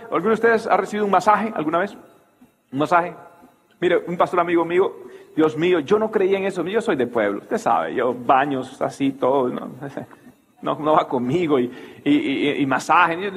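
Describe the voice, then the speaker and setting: A man preaching a sermon as pastor, animated and full of rhetorical questions, in a church hall. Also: on the high side, normal speed, breathy edge.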